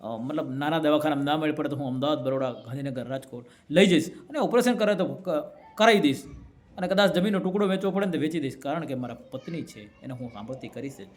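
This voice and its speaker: A man's voice: on the high side, quick pace. A man giving a motivational speech to a community gathering, telling a folk parable and often checking with the crowd. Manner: storytelling, keeps asking the crowd "right?". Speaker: community speaker.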